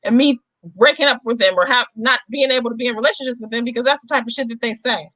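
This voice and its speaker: A woman co-hosting a casual podcast, blunt and emphatic. Her voice is bright and a bit high. The recording is dry and close. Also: fast talker, no echo. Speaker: podcast co-host. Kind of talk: casual chat.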